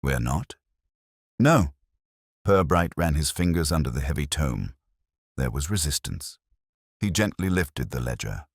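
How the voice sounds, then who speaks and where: In a dry, close recording with no echo, a man with a very deep voice tells a detective story in a measured, literary manner. His delivery is animated, and his pitch roams freely as he narrates.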